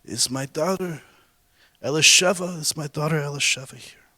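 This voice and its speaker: A man's voice: a little high, moderate pace, no room sound, clean studio sound, exaggerated voice. A man doing a frail dying old patriarch. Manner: weak, hushed, breathy voice.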